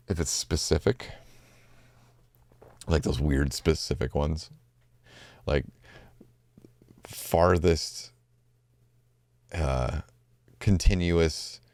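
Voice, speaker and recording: A man's voice: rumbling low, a little mellow, no room sound. A man hosting a solo gaming news podcast, talking casually with rambling asides and self-corrections.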